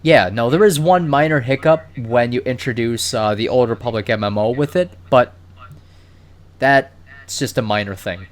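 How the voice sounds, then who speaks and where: A man's voice: medium pitch, normal speed. A man hosting a casual podcast, rambling enthusiastically and swearing casually, recorded over a voice call. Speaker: podcast host. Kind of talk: casual chat. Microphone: computer mic on a voice call.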